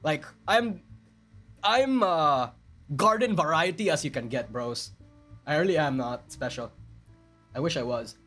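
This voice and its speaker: A man's voice: fairly high pitch, unhurried, pauses often, a bit bright, soft background music. A man with a Filipino accent chatting casually on a live stream, rambling and self-deprecating as he answers his chat. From Philippines.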